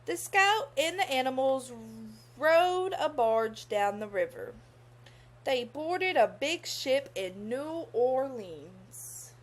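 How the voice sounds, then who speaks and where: A young adult woman, very animated and high-voiced, reads a children's story aloud like a teacher. She stops periodically to pose questions to the children.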